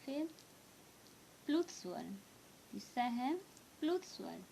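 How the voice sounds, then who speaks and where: A woman teaching a grammar lesson at a deliberate, unhurried pace, her voice sitting a little high. She repeats each point and keeps checking that students follow. A faint low rumble sits behind her. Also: very animated, vocal fry, dark tone. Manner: slow, repetitive explaining with frequent "theek hai" check-ins. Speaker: Hindi teacher.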